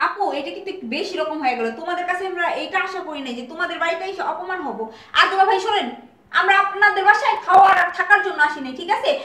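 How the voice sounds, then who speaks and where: An actress playing a proud younger sister who speaks indignantly, feeling insulted as a guest. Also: female voice, very high voice, racing, sharp tone, roomy sound.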